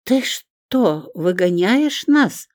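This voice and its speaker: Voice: medium pitch, very animated, moderate pace, darkish tone, dry recording, clean studio sound. A reader voicing Lariska, a pushy, indignant woman who screeches and picks fights in an audiobook. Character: shrill scandalous middle-aged woman, pushy sister.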